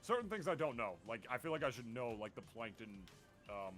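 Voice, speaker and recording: A man commentating live on a fighting game tournament, excitable and earnest, stammering on repeated words when keen. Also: mid-range voice, a little fast, soft background music. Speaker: esports co-commentator.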